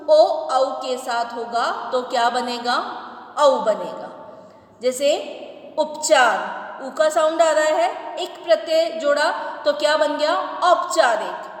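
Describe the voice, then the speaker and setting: A woman's voice: high-pitched, slow. A woman teacher giving a grammar lesson. She explains step by step and keeps asking whether the class has understood. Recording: echoey room with long reverb.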